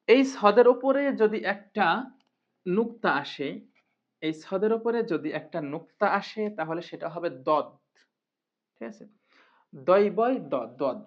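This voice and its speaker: A woman teaching Quran reading in a recorded lesson, patiently repeating and drilling each sound. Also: deep voice. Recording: muffled lo-fi recording.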